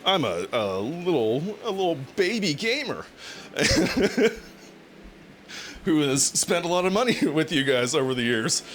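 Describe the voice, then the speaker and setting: Animated man chatting on a cooking stream. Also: fairly high pitch, measured pace, a little hiss or hum. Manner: animated, laughs often, swears casually. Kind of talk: casual live-stream chat.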